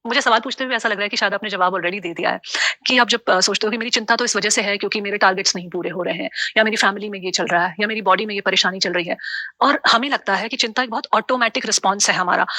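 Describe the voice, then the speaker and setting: A woman's voice: medium pitch, sharp tone, dry recording. A woman interviewer asking long, searching questions that she builds up with practical examples.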